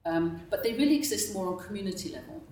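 A woman's voice: mid-range voice, animated, fast talker, a little mellow. A woman speaking on a roundtable panel, thoughtful and full of "you know" fillers. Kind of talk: roundtable discussion. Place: conference room. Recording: roomy echo, mic far off.

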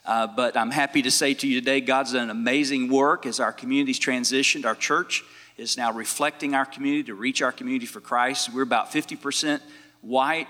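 A man's voice: mid-range voice, sharp tone, in a large hall. A man, a pastor moderating a church panel in a friendly, joking, chatty way. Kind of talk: casual moderating at a church event.

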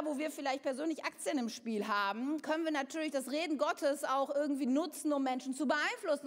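A woman pastor preaching a sermon in an earnest, emphatic way, her intensity rising and falling. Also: high-pitched. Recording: long reverb of a large hall.

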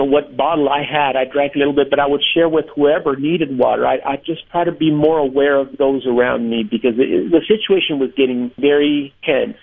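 A man who is a pastor, telling his story in an earnest, measured way during a radio interview by phone. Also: a little high. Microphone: telephone. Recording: tinny phone line.

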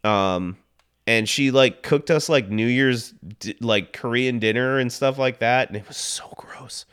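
A man's voice: mid-range voice, unhurried, clean tone. Rambling, swearing man telling stories. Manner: rambling, swearing, laughing, acts out quotes loudly. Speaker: podcast co-host. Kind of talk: casual chat, storytelling. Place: Los Angeles.

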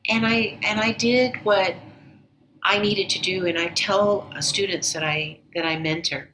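A woman guest in an interview, telling a personal story in an earnest, measured way that often sinks to a near-whisper. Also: mid-range voice, steady tone, bright, forceful tone, slight background noise, low-quality recording. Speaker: interview guest, former agency director.

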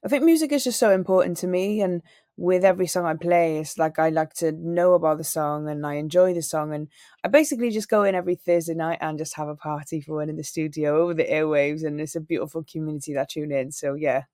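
Speaking fast in a deep, warm voice, this young woman from Wales, who sings and presents radio, responds to interview questions with an earnest, story-driven approach. The studio-quality audio has no room sound.

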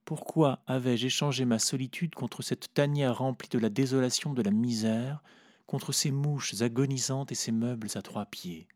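A man narrating a literary story in a measured, reflective way. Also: mid-range voice, steady tone, a little mellow, no room sound, clean studio sound.

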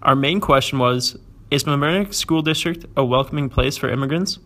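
A man's voice: medium pitch, a little fast, pushed and bright, a little hiss or hum. A teenage boy narrating a report as a student reporter, in an earnest read-aloud delivery. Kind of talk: scripted narration.

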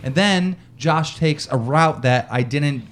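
A man's voice: fairly high pitch, takes it slowly. A young man hosting a podcast. He prompts and recaps the story in blunt, profane, casual talk. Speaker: podcast host. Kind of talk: casual chat.

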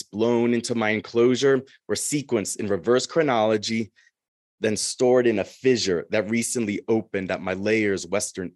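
A man voicing a lonely, brooding male minotaur in a slow, measured poetry reading. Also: fairly low pitch, dry recording, clean studio sound, pitched above the performer's own voice, lightly acted.

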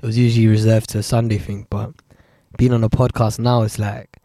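A man's voice: on the low side, little pitch movement, a little fast, mellow, no room sound, studio quality. A young man with a London accent, chatting casually as a podcast co-host. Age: young adult. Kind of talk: casual chat.

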